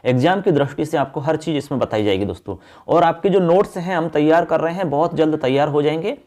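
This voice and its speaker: Male teacher, high voice, exam-focused lesson, slow verse chanting. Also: expressive, darkish tone. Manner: addresses viewers as friends and children.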